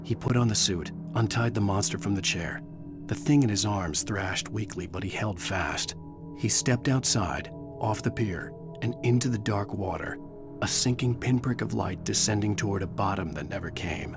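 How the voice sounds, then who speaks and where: An actor playing a haunted, weary writer in a game, narrating in a brooding, measured, literary way. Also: male voice, fairly low pitch, close to an everyday voice. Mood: grave. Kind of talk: dramatic scripted game narration. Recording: music behind voice.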